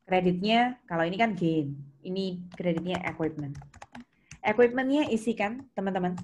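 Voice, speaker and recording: Here an accounting teacher, a woman with a lowish, darkish tone and normal speed, runs an interactive lesson on worksheet entries. She gives step-by-step instruction and poses questions to gauge understanding, with keyboard typing and clicks clearly present behind her.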